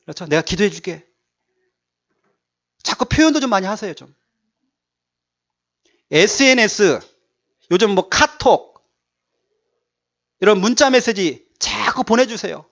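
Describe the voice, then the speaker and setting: High-voiced pastor. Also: male voice, expressive, a little slow, long pauses, fairly bright tone. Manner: emphatic, repeats key words, exhorting the congregation. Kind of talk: sermon. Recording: dull lo-fi church recording.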